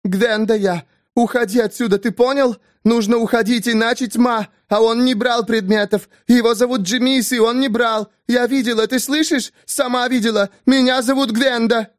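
A shrieking, frantic woman cries out in high, broken bursts. Her voice soars far above his own and jumps wildly, loud and urgent. This is storybook reading with a dry, close sound. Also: lively intonation, slow, no echo. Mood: hysterical. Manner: shrill, broken short cries. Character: frantic wild-haired woman, fearful, simple speech.

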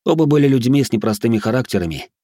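An audiobook narrator reads a first-person fantasy story in a steady, measured manner, his voice medium in pitch. The scripted narration has clean studio sound with no room ambience.

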